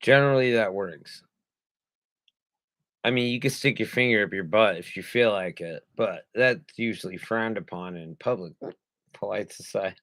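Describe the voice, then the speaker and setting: A man's voice: lowish voice, moderate pace, a bit bright, no echo. A male co-host with the hiccups, trading crude jokes in casual chat. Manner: joking, crude banter. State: has hiccups.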